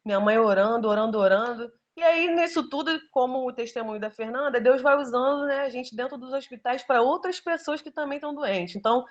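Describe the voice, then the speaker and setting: A woman's voice: high voice, fairly quick, hardly any pauses, dull audio. A woman giving an earnest, emotional personal testimony, telling her story with many fillers. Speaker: testimony giver.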